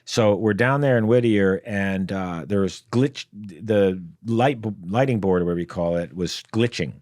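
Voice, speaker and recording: Podcast guest: man, lowish voice, dry close sound, rambling storyteller. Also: moderate pace, a little mellow, dry recording. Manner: rambling anecdotes with fillers and laughs. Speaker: guest comedian. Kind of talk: casual storytelling. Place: podcast studio.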